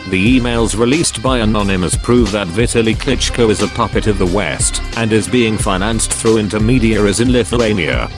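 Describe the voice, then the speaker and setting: A man with a disguised deep voice reading out a scripted statement in a solemn, declarative manner. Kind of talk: scripted statement read aloud. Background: music playing underneath.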